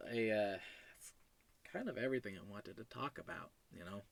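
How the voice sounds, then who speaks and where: Fairly low in pitch with a fairly bright tone, a man who hosts and created an animated web series talks through an unscripted thank-you in a casual, effusive way. He's emotional and overjoyed, stammering and drifting off mid-thought, and there's no echo.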